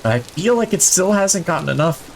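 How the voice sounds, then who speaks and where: A man's voice: high-pitched, expressive, normal speed, vocal fry, a little hiss or hum. A male streamer giving casual, chatty gameplay commentary, rambling and thinking aloud, enthusiastic about what he plays.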